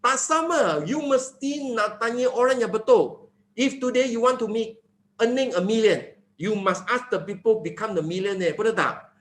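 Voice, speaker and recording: A man giving an animated sales presentation, often asking his listeners rhetorical questions. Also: high voice, moderate pace, echoey room. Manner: animated, mixing in English phrases, asks rhetorical questions. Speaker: network marketing presenter.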